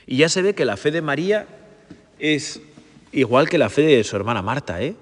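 A man giving a gentle, prayerful sermon, often repeating phrases and asking his listeners for agreement. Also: fairly high pitch, sing-song, normal speed, long reverb tail. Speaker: priest. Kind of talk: meditative sermon.

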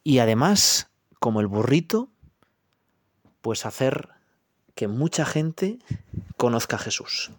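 A man's voice: mid-range voice, big pitch swings, slow pace, long pauses, no room sound, clean studio sound. A man, a priest, giving a homily in a chatty way, often asking his listeners rhetorical questions. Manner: conversational, rhetorical questions with frequent "¿eh?" and "pues".

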